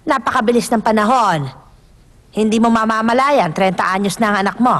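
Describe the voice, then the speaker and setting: A woman's voice: on the high side, fairly quick, a bit bright, natural voice. A woman playing a pushy, meddling older matchmaker in a dubbed drama. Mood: insistent. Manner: pushy, insistent.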